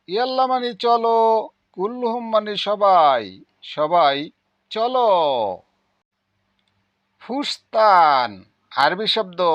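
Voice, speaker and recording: A man teaching vocabulary, slowly repeating each word and its meaning in a drilling lesson. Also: high-pitched, no room sound. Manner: slow, repetitive drilling of words and meanings. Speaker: language teacher. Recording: dull lo-fi sound, dry.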